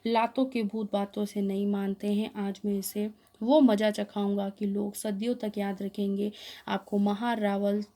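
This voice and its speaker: A cruel, menacing male tyrant barks angry threats at his prisoner, as a woman teacher puts him on. The voice stays mellow and dark. Its pitch hardly moves. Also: level tone, unhurried, close to an everyday voice.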